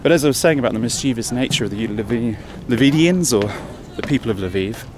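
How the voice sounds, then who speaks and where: Talking at a quick clip in a medium-pitched voice, an Englishman vlogs his uphill city walk. He's chatty and thinking aloud, a little out of breath, with faint street noise in the background.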